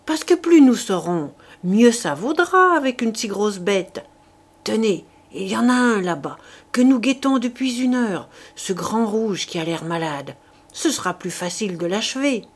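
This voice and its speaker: A woman reading the lines of a persuasive male soldier in an audiobook, in a slow, husky voice. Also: lowish voice, wildly swooping pitch, fairly bright tone, full character voice. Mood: coaxing. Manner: coaxing, persuasive.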